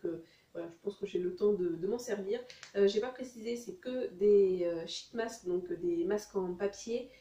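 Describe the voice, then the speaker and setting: A woman's voice: medium pitch, mellow, roomy sound, recorded from a distance. A woman talking casually and hesitantly through a beauty haul, with many fillers. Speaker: beauty vlogger.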